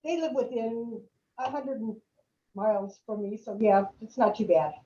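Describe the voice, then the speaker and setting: An older woman talking on a video call, relaxed and joking. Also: on the high side, a little slow, roomy sound, lo-fi sound, slight background noise. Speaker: webinar participant. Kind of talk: casual chat on a video call.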